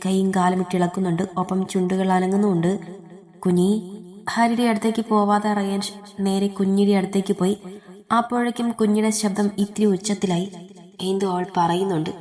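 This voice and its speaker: A woman reading a romance novel aloud as a storyteller, in steady, even scripted narration. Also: medium pitch, brisk.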